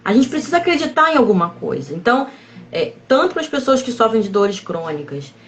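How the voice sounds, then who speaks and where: A woman psychologist explaining calmly in a live-stream conversation, measured and often checking in with tag questions. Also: fairly high pitch. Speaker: psychologist guest.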